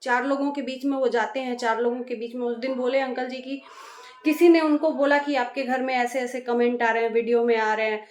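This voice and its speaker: Woman vlogger, high voice, roomy echo, lecturing and exasperated. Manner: scolding, exasperated, repeats phrases for emphasis. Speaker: YouTube reaction vlogger. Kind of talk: lecturing reaction monologue.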